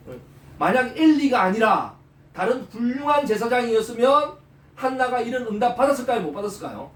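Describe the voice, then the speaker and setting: High-voiced animated male preacher. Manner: animated, peppers talk with rhetorical questions and "eh?" prompts. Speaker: pastor. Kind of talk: sermon. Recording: roomy, from far off the mic.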